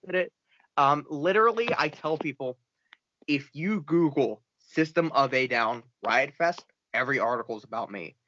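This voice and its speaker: Animated man telling a story on a podcast. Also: mid-range voice, moderate pace, no room sound. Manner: animated storyteller, acts out quoted lines. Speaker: podcast guest. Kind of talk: casual storytelling. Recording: dull lo-fi podcast audio.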